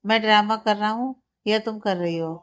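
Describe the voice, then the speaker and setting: A woman's voice: medium pitch, normal speed, lightly acted. Woman voicing a scolding young husband. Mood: angry. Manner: sharp, reproachful.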